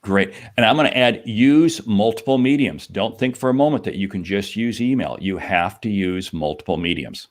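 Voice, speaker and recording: A man's voice: fairly low pitch, normal speed, hardly any pauses. A man co-hosting a sales podcast, talking in an emphatic, punchy way. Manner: emphatic, punchy, animated delivery. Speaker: podcast co-host. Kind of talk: energetic sales podcast talk.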